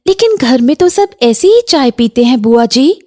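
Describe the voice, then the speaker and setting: A woman voicing a calm elder daughter-in-law in a cartoon, plain and respectful. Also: high voice, normal speed, voice pushed up.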